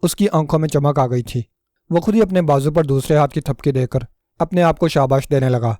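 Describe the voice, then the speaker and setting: Male storyteller, measured scripted narration; mellow tone, dry close mic. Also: a little high, dry recording.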